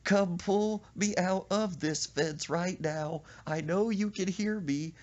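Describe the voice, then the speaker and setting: A man voicing a panicked young boy stuck between two fences, whining and pleading in a high voice. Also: slow, highs cut off. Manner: high pleading whine, yelling.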